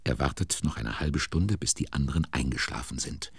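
A man's voice: extremely low pitch, animated, moderate pace, gravelly, breathy edge, no echo, clean studio sound. A man narrating a children's audio drama with a playful, amused manner.

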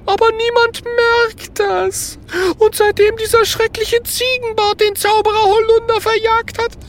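A woman voicing a weepy, boastful male ghost who used to be a pickpocket, wailing and sobbing in a very high, shrill voice. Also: slow pace.

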